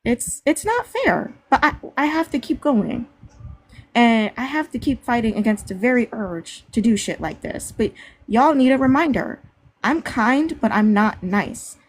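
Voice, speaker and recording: A woman's voice: a little high, expressive, a little slow. A woman speaking out bluntly and with fire in a live discussion, swearing freely. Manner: blunt, fiery and profane. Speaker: panel discussion participant.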